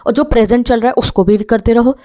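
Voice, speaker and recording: A woman's voice: a little high, fast talker, mellow. A young woman giving students study advice in a direct, urgent motivational talk, often acting out their thoughts.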